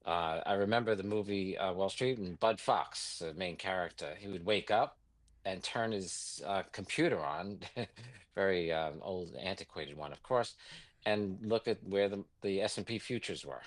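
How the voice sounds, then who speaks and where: A man's voice: sits low, normal speed. A man in his sixties with a New York accent, answering interview questions in a rambling, anecdotal way with many fillers. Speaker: guest, bond market executive.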